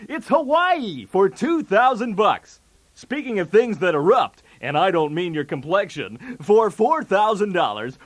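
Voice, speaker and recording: In a high, exaggerated voice, a man takes on the role of a brassy 1980s television game show host, cracking jokes with flashy, punchy delivery.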